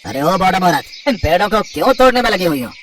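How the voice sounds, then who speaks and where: A voice actor playing a brisk, bossy grown man in a cartoon story. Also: medium pitch, very animated, recorded from a distance, a little hiss or hum, natural voice. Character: gruff grown man, guard and husband.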